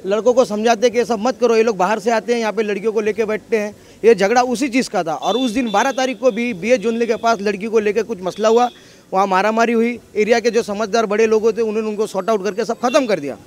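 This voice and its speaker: A man's voice: high-pitched, steady tone, fast. A local man in a street interview, talking insistently and with grievance. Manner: aggrieved, insistent. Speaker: local resident.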